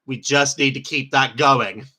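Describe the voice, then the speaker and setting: A man with a bright, forward voice gives casual live match commentary. He rambles and chats in a loose, informal way and laughs often. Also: medium pitch, fairly even intonation, unhurried. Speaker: host reacting to a live football match.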